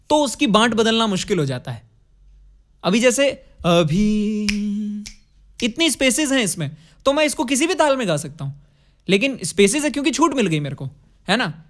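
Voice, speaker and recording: A man's voice: sits high, fairly bright tone. A man teaching music, explaining rhythm with counted beats and short sung phrases. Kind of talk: music lesson with sung examples.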